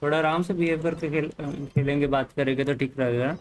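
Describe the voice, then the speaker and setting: A man with an Indian accent streaming a game live, talking casually with viewers, mixing Hindi and English and telling the chat to calm down. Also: fairly high pitch, fairly quick, soft background music, low-quality recording. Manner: easygoing, mixes Hindi and English, calms the chat. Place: home room, hot.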